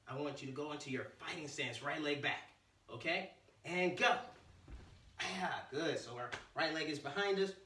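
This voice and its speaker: A man teaches a children's martial arts class in a high-pitched, very sharp and forceful voice. He talks like a playful kids' entertainer, teasing, encouraging and calling out commands. The sound is echoey, picked up from across a room. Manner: energetic counting and barked commands. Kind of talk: livestreamed kids' exercise class, call-and-response instruction. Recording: roomy echo, distant from the mic.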